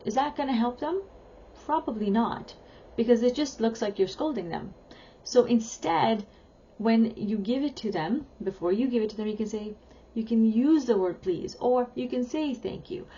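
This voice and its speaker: A woman's voice: on the high side, animated, moderate pace, warm tone, husky, highs cut off. A woman who is a parenting educator, talking in a chatty, upbeat way and stressing key words as she teaches. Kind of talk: talking-head teaching video.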